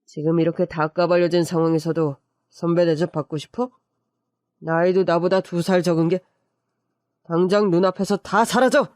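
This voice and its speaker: A harsh, contemptuous police colleague, played by a man in a story drama, scolding in a fairly high voice. The sound is dry and close. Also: steady tone, moderate pace, a little mellow, dry recording, natural voice.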